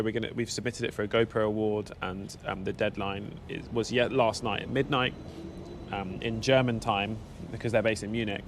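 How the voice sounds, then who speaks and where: This British motorcycle vlogger in his thirties is live-streaming from an outdoor café stop in central London, bantering casually and self-deprecatingly with viewers. He has a fairly low voice. The small action-camera mic on his helmet catches a little hiss or hum.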